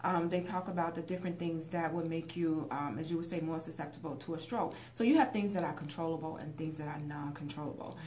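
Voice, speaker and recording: A woman hosting a radio talk show, explaining health information in a steady, informative way. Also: low voice, fast talker, hardly any pauses. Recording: echoey room with faint hum.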